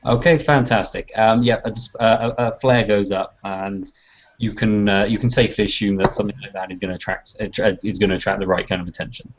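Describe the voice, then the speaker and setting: A man's voice: on the low side, steady tone, fairly quick, slight background noise. Hesitant man running a tabletop game. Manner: plummy, hesitant, with many restarts. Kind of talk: tabletop role-play, narrating and voicing characters. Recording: dull lo-fi recording.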